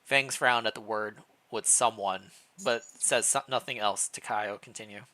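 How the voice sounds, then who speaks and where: A streamer with a mid-range voice reads fan fiction aloud at a moderate pace, casually and playfully, reacting as they go and sometimes tripping on the wording during the livestream.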